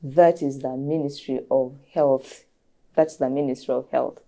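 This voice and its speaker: Lady doctor, earnest, repeats stuff to make a point, real deep mellow voice. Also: steady tone, unhurried, gravelly. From Uganda. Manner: earnest, repeats key phrases for emphasis. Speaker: doctor, guest. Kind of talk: explaining in a TV interview.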